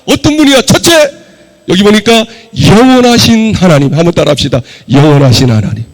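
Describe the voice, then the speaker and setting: A male pastor delivering a sermon in church, hoarse from a cold, rising to forceful shouted points and leading the congregation in reading aloud. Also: high voice, expressive, brisk. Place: church sanctuary.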